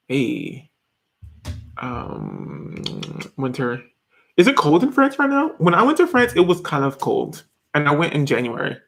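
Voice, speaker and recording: Live-streaming from a cramped bedroom, a YouTuber in his twenties responds to comments in the chat. His fairly bright, creaky voice sits slightly high for a man. He laughs a lot, keeps starting sentences over and fills gaps with plenty of filler words.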